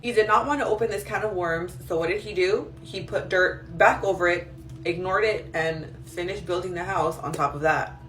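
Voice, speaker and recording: A woman's voice: lowish voice, normal speed, fairly bright tone. A woman host telling spooky stories for social media, conversational with dramatic emphasis. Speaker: storyteller host reading follower-sent stories. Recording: roomy echo, distant mic, faint noise.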